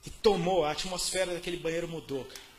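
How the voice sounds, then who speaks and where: A man with a Brazilian Portuguese accent preaching a sermon, telling his testimony in casual slang with lots of repetition, dropping to soft murmurs and rising to loud outbursts. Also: a little high, fast talker, slight background noise.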